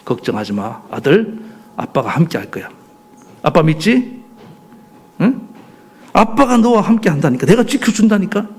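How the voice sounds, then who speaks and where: A man voicing a father who quietly reassures his frightened son. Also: fairly high pitch, sing-song, normal speed, long pauses, husky, heavily acted. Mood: reassuring. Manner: soft, soothing.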